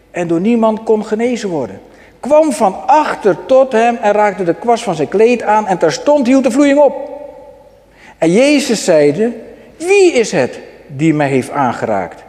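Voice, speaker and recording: A man preaching a sermon to his congregation. He asks them questions and moves between loud exclamations and soft asides. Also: high-pitched. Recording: long hall reverb.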